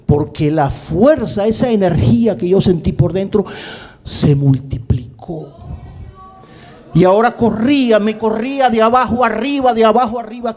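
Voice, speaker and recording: A male pastor preaching, with a high voice and a mellow, dark tone. He tells his story dramatically, repeating words for emphasis and swinging between quick bursts and slow, drawn-out phrases. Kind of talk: sermon testimony.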